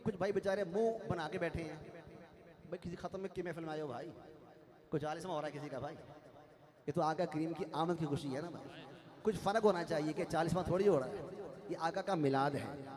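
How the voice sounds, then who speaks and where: A man's voice: fairly high pitch, long pauses. A man reciting devotional naat at a live gathering, rousing the audience to chant along. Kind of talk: devotional naat singing with crowd call-outs. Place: large gathering. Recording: echoey live event with loud crowd and music.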